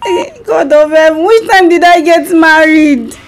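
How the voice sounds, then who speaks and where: A woman's voice: very high-pitched, measured pace, a little hiss or hum. A Nigerian-accented woman playing a confused wife with amnesia on a prank phone call, puzzled and full of questions. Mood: bewildered, lost. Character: confused wife feigning amnesia, bewildered and lost.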